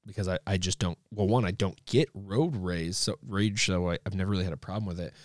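A man's voice: sits low, brisk, a little mellow, no echo. A man co-hosting a podcast, telling stories in a rambling, self-correcting way. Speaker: podcast co-host. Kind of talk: casual conversation.

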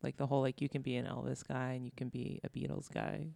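A woman's voice: extremely low pitch, little pitch movement, quick pace, vocal fry, dark tone, dry recording. A woman podcast host telling a history story in a casual, chatty way, wandering into asides.

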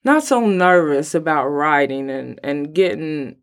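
A woman with a hoarse voice, sick lately, talking casually and emphatically as an interview guest about her own work. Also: low voice, lively intonation, unhurried. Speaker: podcast guest, writer.

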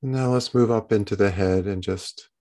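A man leading a guided body-scan meditation as a gentle, soothing bedtime narrator, leaving long pauses between phrases. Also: lowish voice.

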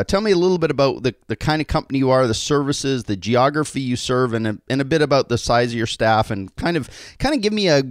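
A man's voice: mid-range voice, no echo, clean studio sound. A man from Canada hosting an industry podcast, reading news items and then interviewing a guest in a friendly, chatty way. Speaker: podcast host.

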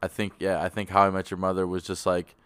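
A man's voice: deep voice, monotone, fast, fairly bright tone, clean tone, no echo. A man co-hosting a casual podcast, talking in a laid-back, rambling way. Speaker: podcast co-host.

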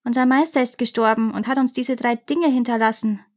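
A woman voicing small, spiteful male demons in a fairy tale reading, shrill and shrieking. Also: steady tone, fairly quick, darkish tone, natural voice. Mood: greedy.

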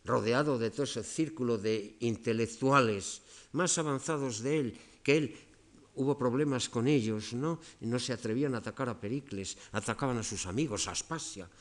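A man's voice: mid-range voice, normal speed. An older man from Spain with a Castilian accent, giving an academic lecture and tagging nearly every phrase with a questioning "eh" or "no.". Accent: Castilian Spanish. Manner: digressive, tags phrases with frequent "eh" and "no". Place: lecture hall.

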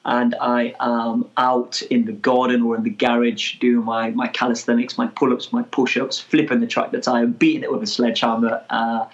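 A Welsh man in his twenties, a guest explorer chatting in an interview, upbeat and quick to laugh. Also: mid-range voice, lo-fi sound. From North Wales. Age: 20s. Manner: energetic, chatty, laughs easily. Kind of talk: casual interview chat.

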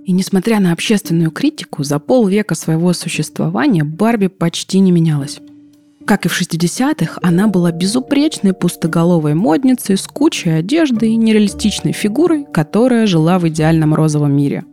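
Female narrator, lower and soft-toned, for an explanatory scripted documentary read. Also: expressive, a little fast. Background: background music.

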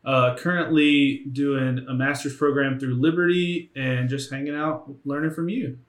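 A man's voice: medium pitch, steady tone, a little slow. A 22-year-old man on church ministry staff, speaking in an easygoing way on a podcast. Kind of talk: casual podcast conversation. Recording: echoey room.

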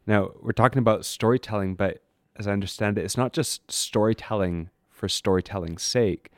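A man's voice: fairly low pitch, a little fast, darkish tone, no echo, studio quality. A man hosting an interview, asking his guest attentive, open questions. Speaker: interview host.

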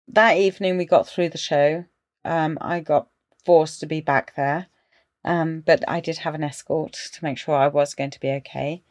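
A middle-aged woman hosting a podcast and casually telling her own ghost story, animated but dropping to hushed tones for suspense. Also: low voice, no room sound, clean studio sound. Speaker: podcast host.

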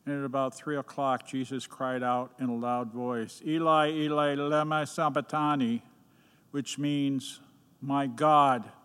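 A man reading the gospel at Mass in a slow, measured, solemn way, his voice carrying a long cathedral echo in a large church. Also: mid-range voice, fairly bright tone, clear, resonant tone. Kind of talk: liturgical scripture reading.

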